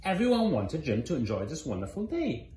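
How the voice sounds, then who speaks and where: A man in his thirties reads a children's story aloud. His delivery is deliberate and expressive, with wide swings in pitch. The living room sounds echoey, with faint background noise. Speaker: guest storybook reader. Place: small indoor living room.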